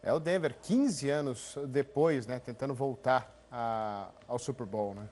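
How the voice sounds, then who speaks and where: A man's voice: medium pitch, unhurried, darkish tone, a little hiss or hum. A man with a Brazilian accent hosting a sports show in a conversational presenting style.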